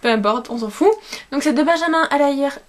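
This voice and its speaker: A woman's voice: high-pitched, a little fast. A young woman chatting casually in a book vlog, rolling her R sounds as she speaks. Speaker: book vlogger.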